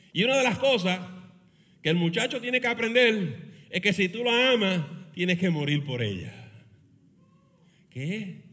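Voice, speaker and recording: A male pastor preaching a sermon, animated and joking, with many rhetorical questions. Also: sits high. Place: church meeting in a school hall. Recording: reverberant hall.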